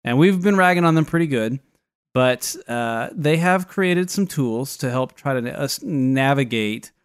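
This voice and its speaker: A man of middle pitch co-hosting a casual podcast, speaking in a smooth, clear voice. He has a wry, wordy, mock-formal way of talking with a facetious edge, and the sound is close and dry. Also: animated, measured pace, dry recording. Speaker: fantasy football podcast co-host.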